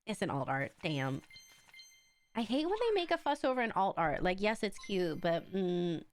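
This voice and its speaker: A woman livestream host chatting casually with viewers in a playful, campy, slangy and very expressive way. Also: mid-range voice, normal speed. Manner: expressive, exclaiming and drawing out words. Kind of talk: casual livestream chat while opening card packs.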